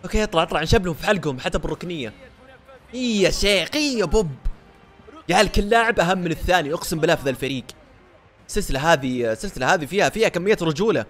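A young man rattles off live commentary on his football video game at a rapid clip. His voice sits slightly high and keeps jumping into excited shouts. Faint game music plays underneath. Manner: excitable, bursts into shouts over goals. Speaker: gaming YouTuber.

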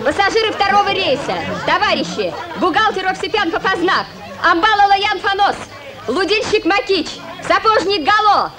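Over the murmur of a crowd comes a very high-voiced female official. She delivers formal airport-style announcements with zealous Soviet ceremony, as in a film comedy. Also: lively intonation, normal speed. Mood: solemn, official. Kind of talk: comedy-drama film acting. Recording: outdoor crowd behind the voice.

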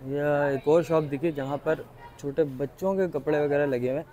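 A man, his voice sitting slightly high, talks enthusiastically about what he sees. He is filming himself on a handheld phone while walking through an outdoor city bazaar, often repeating prices as he goes. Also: fairly even intonation, moderate pace, warm tone, soft background music. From Pakistan. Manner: chatty, enthusiastic, repeats prices, asks shopkeepers questions. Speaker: vlogger touring a market. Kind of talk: casual walking market tour vlog.

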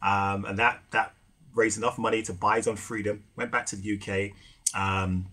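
Middle aged guy with a husky lowish voice, chatty podcast guest telling stories. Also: level tone, moderate pace, pushed and bright. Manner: storytelling, with fillers and restarts. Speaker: guest, rum ambassador and former bartender. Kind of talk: casual podcast conversation.

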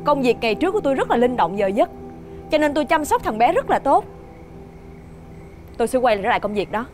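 A woman's voice: sits high, sing-song, fast talker, a little mellow, soft background music. An actress with a Southern Vietnamese accent playing a worried, protective single mother in a TV family drama. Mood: cold. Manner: urgent, pleading, then firm and cool. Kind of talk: television drama acting.

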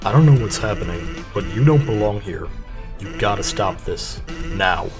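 A fairly low cartoon skeleton voice acted by a man over music. The figure is weary and earnest, casual in wording but stern and urgent. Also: animated, normal speed. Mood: stern, pleading. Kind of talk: animated fan dub acting. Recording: music behind the voice.

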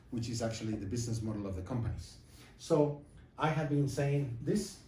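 Middle-aged man from Guatemala, emphatic lecture, mellow voice, roomy classroom heard from a distance. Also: medium pitch, a little hiss or hum. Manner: emphatic, pauses and repeats for effect. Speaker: activist giving a class. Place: classroom with projector screen, indoors. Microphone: far camera, no mic seen. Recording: echoey classroom from far off.

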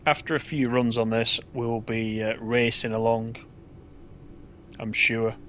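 A man's voice: mid-range voice, flat delivery, unhurried, a bit bright, slight background noise. A man giving casual, chatty gameplay commentary as he drives a train, thinking aloud in an easygoing way.

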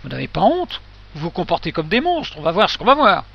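A man reading the part of a fierce sixty-year-old daughter who shouts in outrage. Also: high voice, wildly swooping pitch, a little fast, gravelly, breathy edge, dull audio, full character voice. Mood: outraged.

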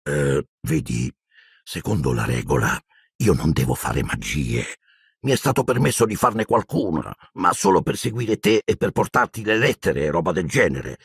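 A man voicing a huge, gruff but kindly male giant gamekeeper in a gravelly, husky voice, slow and folksy. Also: low voice, very animated, no echo, clean studio sound, pitched below the performer's own voice, heavily acted. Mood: confiding.

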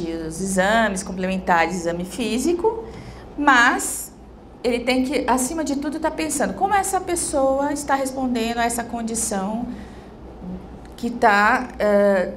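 A woman's voice: mid-range voice, a little hiss or hum. A middle-aged woman giving a conference lecture into a handheld mic in a large hall, explaining step by step and checking in with tag questions.

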